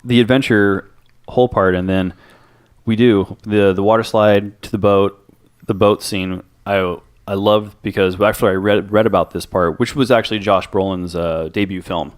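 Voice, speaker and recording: A man with a lowish voice chats about a film on a podcast. He rambles, backtracks and swears freely. The delivery is loose and animated. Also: normal speed, smooth. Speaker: podcast co-host. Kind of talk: casual movie chat.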